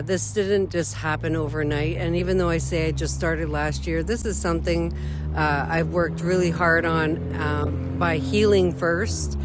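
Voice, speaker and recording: An advocate from Northern Ontario, Canada, speaks in an outdoor interview beside a street, with a noisy background. She has a lowish voice and talks earnestly, heartfelt and plain-spoken, with frequent fillers.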